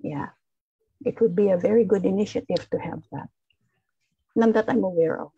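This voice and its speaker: In a lo-fi recording with no room sound, a former teacher from the Philippines takes audience questions as a guest speaker in an online forum. She thinks aloud, shifting between Tagalog and English, in a mid-range, dark, slightly rough voice at a moderate pace.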